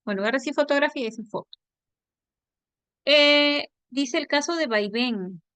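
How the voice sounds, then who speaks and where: A woman lectures on word formation, her voice sitting a little high. She explains patiently and keeps tossing in quick tag questions to check that students follow. The sound is dry and close, with no room around it. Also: fairly bright tone, dry recording. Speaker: language teacher. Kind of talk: online class lecture.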